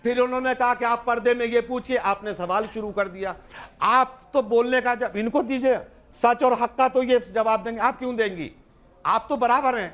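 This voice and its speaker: High-pitched insistent male cleric. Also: a bit bright. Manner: insistent, interrupting, talks over the host. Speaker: cleric debate panelist. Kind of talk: heated televised debate.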